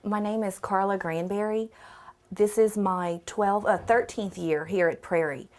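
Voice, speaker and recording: A middle-aged woman introduces herself in an interview. Her voice sits at a medium pitch, and she talks as a kindergarten teacher. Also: steady tone, a little slow, a little mellow.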